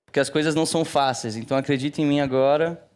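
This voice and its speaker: This man in his thirties, a Brazilian musician appearing as a TV guest, speaks very fast with a fairly high, clean voice and a Brazilian Portuguese accent. His casual interview chat is loose and relaxed, packed with fillers like "né" and "assim."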